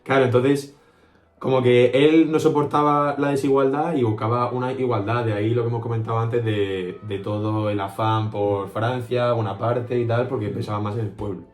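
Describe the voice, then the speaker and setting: A man's voice: medium pitch, steady tone, normal speed, echoey room. A young man co-hosting a casual podcast about music history, agreeable and chatty. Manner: agreeable, keeps saying "claro" and "efectivamente". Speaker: podcast co-host.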